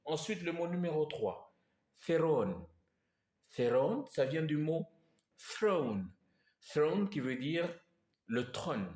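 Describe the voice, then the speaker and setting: A man teaching a slow language lesson, patiently repeating each word and checking in with his listeners. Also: fairly high pitch, darkish tone, reverberant.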